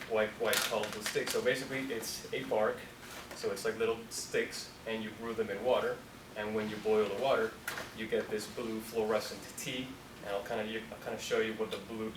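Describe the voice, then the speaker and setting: In a noisy, echoey university room picked up by a distant mic, a Colombian founder in his twenties addresses students casually, rambling in a relaxed way full of "like." His voice is fairly low.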